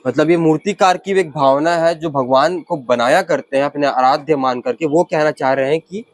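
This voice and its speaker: A man's voice: a little high, moderate pace, no echo. Male reporter summing up for viewers. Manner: prompting, summarizing for viewers. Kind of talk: field interview. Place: idol workshop.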